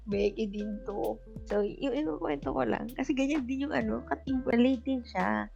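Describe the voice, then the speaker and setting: A woman with a gravelly, fairly high voice chats casually as a podcast co-host. The sound is dull and lo-fi, with faint music underneath. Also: normal speed, warm tone. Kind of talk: casual chat.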